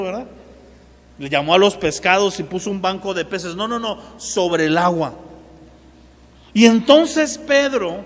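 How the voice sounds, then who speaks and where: A man with a notably high voice preaches a sermon to his congregation, turning to them directly and slipping in joking remarks. His words ring out with a long hall reverb, as if recorded in a big sanctuary. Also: creaky. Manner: addresses the congregation directly, playful asides. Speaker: pastor.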